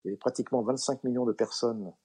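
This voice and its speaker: Husky-voiced man telling old stories. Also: medium pitch, steady tone, quick pace, mellow. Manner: anecdotal, many fillers, acts out quoted dialogue. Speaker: interview guest, comedian. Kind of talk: relaxed storytelling.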